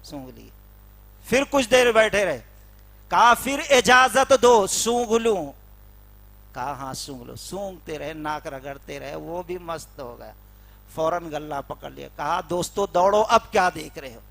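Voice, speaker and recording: A man preaching a sermon in a mosque, retelling a story dramatically with voiced dialogue and building to loud, emphatic peaks. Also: fairly high pitch, animated, vocal fry.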